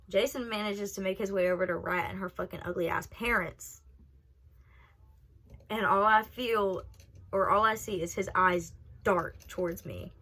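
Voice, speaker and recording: Young female vlogger, casual and profane, animated storyteller. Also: mid-range voice, a little slow, long pauses, breathy edge. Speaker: vlogger telling a personal story.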